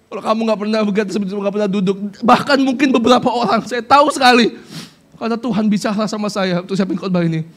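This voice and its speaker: A male pastor preaching with a strikingly high voice. He builds to shouted, pressing questions and keeps the intensity up through the sermon. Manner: impassioned, often shouting and questioning; drops into soft, slow sung worship.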